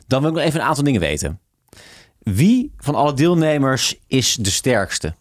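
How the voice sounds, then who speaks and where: A man co-hosting a casual chat, asking short quickfire questions. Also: medium pitch, very animated, dry recording, clean studio sound. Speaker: co-host.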